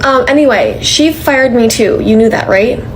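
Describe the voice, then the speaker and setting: A woman's voice: on the high side, moderate pace, slight background noise, natural voice. A woman voicing a resigned, dismissive female manager who was just fired, in a comedy cartoon. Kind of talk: animated comedy dialogue.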